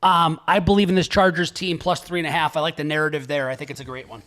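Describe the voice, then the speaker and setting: A man co-hosting a casual sports betting show, loud and jokey. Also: fairly high pitch, flat delivery, fast talker. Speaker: sports betting podcast co-host.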